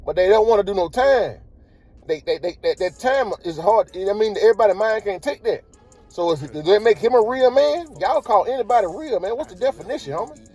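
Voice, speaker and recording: Speaking in slang, the host of a commentary channel keeps his vlog casual and fires rhetorical questions at the audience. His voice is high and dark in tone.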